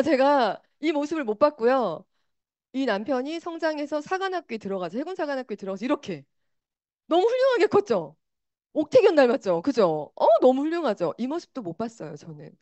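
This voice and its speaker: A woman giving an animated motivational talk, speaking directly to her audience on a microphone. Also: sits high, dry recording.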